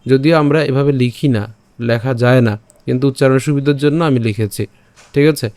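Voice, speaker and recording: Man, online pronunciation lesson, patient, slow syllable repeats, smooth voice, dry close sound. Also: medium pitch, fairly even intonation, darkish tone, dry recording. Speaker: Gita recitation teacher.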